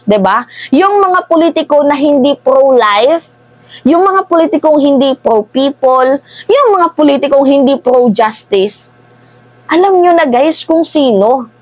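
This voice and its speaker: A woman's voice: sits high, unhurried, no room sound. A woman giving casual political commentary to her viewers. She keeps asking "di ba?" and calls her viewers "guys". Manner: conversational, animated, keeps asking "di ba?" and addressing "guys".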